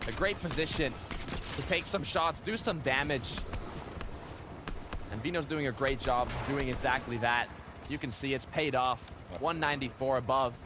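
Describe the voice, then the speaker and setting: A man giving live esports play-by-play commentary in short, punchy, suspense-building phrases. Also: medium pitch. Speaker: esports caster. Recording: game gunfire and vehicle noise behind. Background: video game gunfire and ambience.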